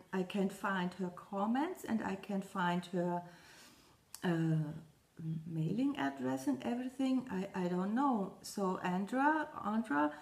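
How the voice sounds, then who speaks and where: A woman chatting casually to camera as a stitching vlogger, rambling and halting, often stopping to apologize. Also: medium pitch, a little mellow. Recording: echoey room.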